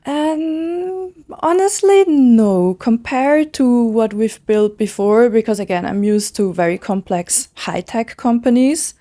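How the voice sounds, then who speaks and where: A woman in her thirties from Switzerland, chatting in an interview as a founder, eager and quick with lots of casual fillers. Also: fairly high pitch, dark tone. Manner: fast, enthusiastic, many "like" fillers. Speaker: guest, brand founder.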